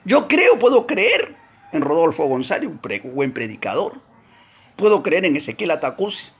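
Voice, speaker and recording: A man teaching a Bible class, preaching emphatically with rhetorical questions to his listeners, swinging between loud exclamations and low asides. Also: very animated, moderate pace, slightly rough.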